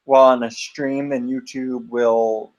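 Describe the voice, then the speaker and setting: A man's voice: mid-range voice, level tone, measured pace, darkish tone, muffled recording. A male streamer chatting casually, mumbling to himself while he browses. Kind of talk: casual chat.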